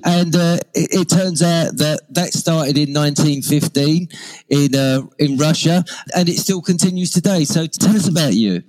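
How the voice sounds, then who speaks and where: A man's voice: fairly high pitch, rough recording. A man from England co-hosting a radio talk, hesitant and full of fillers as he asks questions. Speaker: co-host. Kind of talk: interview conversation.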